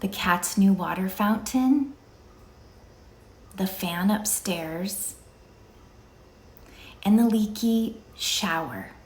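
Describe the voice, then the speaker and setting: A woman's voice: mid-range voice, expressive, extremely slow, pauses often. A woman in her fifties chatting in a casual, rambling, reflective way, recorded in an echoing indoor stairwell. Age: 50s. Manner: rambling, musing, conversational. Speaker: vlogger. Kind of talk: casual, reflective solo vlog chat.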